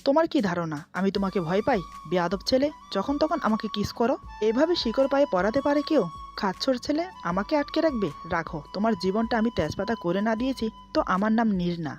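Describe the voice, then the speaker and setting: A woman's voice: mid-range voice, animated, a little fast, a little mellow, faint music behind, lightly acted. A woman reading the part of a fiery, defiant young bride in a story. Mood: angry.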